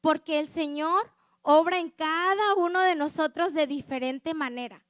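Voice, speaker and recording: A woman gives an earnest, conversational sermon built on her own testimony, often pausing to ask her listeners if they agree. Her voice sits high, and it is recorded close up with a dry sound and no room echo. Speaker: lay preacher at a church service.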